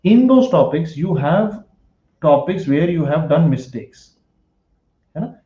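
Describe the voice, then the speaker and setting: A man's voice: a little high, animated, unhurried, dark tone. A man with an Indian accent lecturing exam students, repeating his points and often checking that they follow. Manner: repeats points, checks understanding with tag questions. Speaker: teacher advising exam students. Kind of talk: explanatory lecture mixing Hindi and English. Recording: echoey room, dull lo-fi audio.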